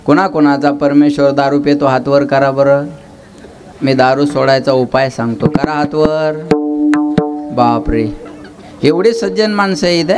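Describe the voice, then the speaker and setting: A man's voice: mid-range voice, unhurried, long pauses, over loud music. A man from preaching a devotional kirtan sermon, chanting verses and teasing his audience with questions and jokes. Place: live gathering with instruments.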